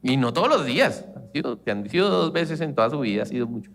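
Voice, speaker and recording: A man with a Colombian accent giving a lively, conversational sermon as a church leader, acting out everyday family exchanges. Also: medium pitch, fast talker, gravelly.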